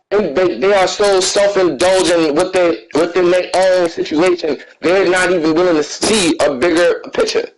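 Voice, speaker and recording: A man's voice: sits high, rough recording. A man hosting a heated chat, lecturing in slang and hammering the same point over and over. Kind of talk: casual argumentative chat.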